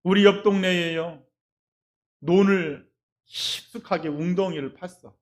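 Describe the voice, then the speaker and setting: A man preaching a sermon as pastor, telling folksy stories straight to his congregation and swinging from loud cries to quiet asides. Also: high voice, unhurried. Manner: folksy storytelling, addresses the congregation directly.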